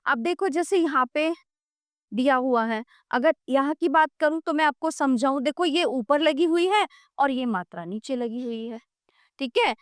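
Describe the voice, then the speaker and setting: A woman's voice: high voice, expressive, normal speed, no room sound, clean studio sound. A woman teacher explaining a grammar book, sounding out letters one by one and often checking that the listener follows.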